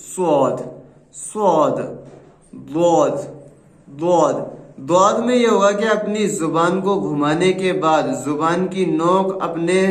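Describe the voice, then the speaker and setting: Slow, echoey Indian male teacher. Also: high voice. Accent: Indian Hindustani. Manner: explains patiently, repeats each letter sound slowly. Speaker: Arabic teacher. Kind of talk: slow spoken lesson with letter drills. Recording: echoey room.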